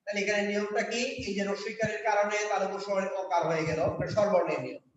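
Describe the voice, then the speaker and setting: Male teacher, high voice, revision lecture recorded in a big echoing hall. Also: background noise. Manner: slow, explains step by step, spells out letters one by one. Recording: echoey hall, dull lo-fi sound.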